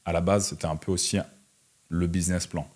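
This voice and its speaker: A Russian man in his twenties, an entrepreneur and online content creator, gives casual answers as an interview guest. His very low voice stays level and brisk with a darkish tone, and he talks informally, full of slang and conversational tags.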